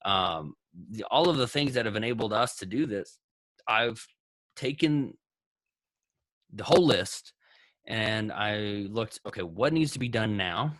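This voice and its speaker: A man's voice: fairly low pitch, animated, a little slow, long pauses, fairly bright tone, no echo, poor audio. A man with a Texas accent, a guest entrepreneur chatting casually on a video call, enthusiastic and rambling with many restarts. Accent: Texan.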